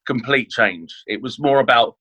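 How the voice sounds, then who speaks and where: A man of medium pitch with a sharp tone and a breathy edge chats at a moderate pace about being a chef. He is a podcast guest born in Leeds and raised in London, and his casual interview talk is full of fillers and restarts.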